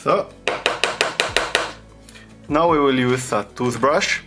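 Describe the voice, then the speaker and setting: A man with a thick foreign accent, a non-native English speaker, narrating a hands-on tutorial in simple, halting phrases as he searches for words. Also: mid-range voice, over loud music. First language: not English. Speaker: repair tutorial host.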